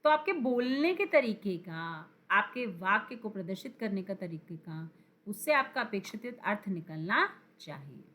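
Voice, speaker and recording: A woman teacher giving an exam-prep grammar lesson, slow and emphatic, repeating key words and quizzing her viewers. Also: mid-range voice, sing-song, a bit bright. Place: teaching at a screen.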